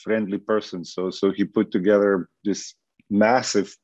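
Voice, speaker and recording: A film producer answering questions on a video call, thoughtful, repeating words and adding fillers. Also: male voice, on the low side, little pitch movement, measured pace, a little mellow, no room sound. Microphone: webcam on a video call. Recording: dull webcam audio.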